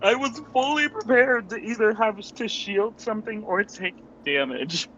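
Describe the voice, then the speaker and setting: Man, tabletop game player, chatty narration, slightly high voice, faint hum. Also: moderate pace, sharp tone. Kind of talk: tabletop game play, narrating his character. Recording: dull lo-fi stream audio, faint hum.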